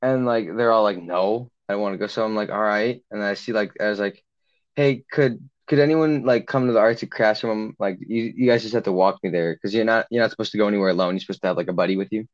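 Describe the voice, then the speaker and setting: A young man spins a long camp story in a loose, rambling way, filling every gap with "like" and slipping into the voices of the people in it. His voice sits low, and the recording sounds a little dull and lo-fi. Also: steady tone, fast talker, few pauses. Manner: rambling, heavy use of "like", acts out quotes. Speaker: podcast co-host. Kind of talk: casual storytelling chat.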